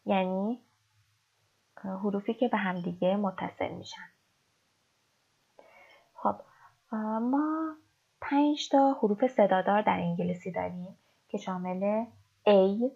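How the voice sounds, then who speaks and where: A woman teaching English in a recorded lesson, with a gravelly, fry-edged voice at a middle pitch. She explains each point step by step and slows down to read the example sentences. The recording is dull and lo-fi. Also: a little mellow. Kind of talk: recorded online language lesson.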